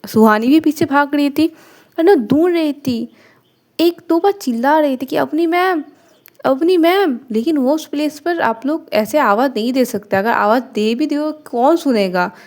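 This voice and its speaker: A woman's voice: high-pitched, normal speed, darkish tone. A woman narrating a love story in a chatty, conversational way, often restarting and repeating herself. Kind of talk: casual spoken story narration.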